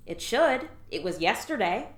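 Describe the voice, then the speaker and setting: In a comedic audio drama with a roomy echo, a woman plays a sarcastic, weary alien office worker scolding and training her lazy new coworker. She sounds exasperated, with a mid-range voice, big pitch swings and an unhurried pace.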